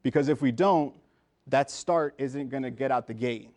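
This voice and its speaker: A US pharmacist in his thirties, speaking as a guest in a lecture room, gives pharmacy students a casual talk full of fillers and restarts. His voice is medium-pitched and a little mellow, moving at normal speed in an informal manner.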